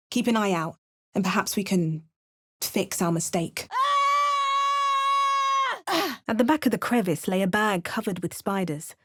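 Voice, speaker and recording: A woman in a medium pitch, lightly acted, gives voice lines for a parody game as a wry and dramatic female adventurer hero. She leans into an exaggerated mock Cockney accent and chants spells in a hammy, theatrical way.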